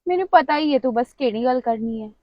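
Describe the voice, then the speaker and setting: A young woman plays a stubborn village girl, sharp and scolding. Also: high voice, expressive, fast, no room sound. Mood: angry. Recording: dull lo-fi sound.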